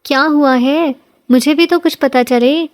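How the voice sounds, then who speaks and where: A woman's voice: sits high, a little mellow, pitched above the performer's own voice, close to an everyday voice. A woman voicing a timid, downtrodden young wife who speaks meekly and anxiously in a storybook reading. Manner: meek, anxious.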